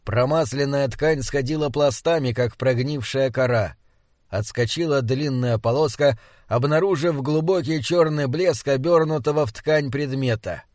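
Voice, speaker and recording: A man narrating an audiobook in a measured, descriptive way. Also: medium pitch, a little mellow, no room sound, studio quality.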